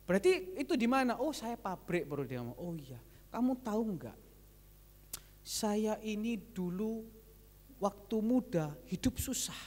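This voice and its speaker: A man's voice: sits high, a little slow. A male pastor, preaching a sermon that retells conversations and speaks directly to the congregation. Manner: lively preaching that switches between retold dialogue and addressing the congregation. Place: large church hall. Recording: long church hall reverb.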